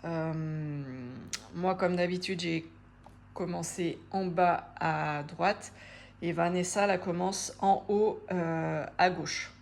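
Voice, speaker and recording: Slow-talking woman chatting about crafts. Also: lowish voice, fairly even intonation, gravelly, a little hiss or hum. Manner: chatty, hesitant with frequent pauses and fillers. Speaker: craft vlogger. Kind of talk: casual chat to camera.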